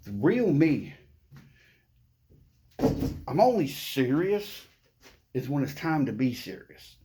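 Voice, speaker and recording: Speaking slowly and warmly, this middle-aged man is a vlogger giving an informal pep talk straight to the camera. He stutters, keeps things playful and cheerful, often throws in "okay?", and his medium-pitched voice is highly animated.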